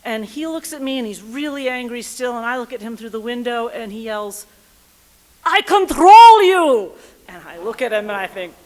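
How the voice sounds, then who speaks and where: Animated woman telling a story. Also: on the high side, brisk, few pauses, slight background noise. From United States. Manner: animated, acts out voices and thoughts with comic timing. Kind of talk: live personal storytelling on stage. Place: theater stage before a live audience.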